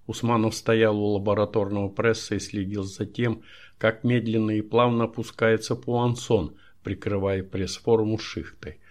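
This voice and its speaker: A man narrating an audiobook in a measured, even storytelling manner. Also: lowish voice. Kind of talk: scripted narration.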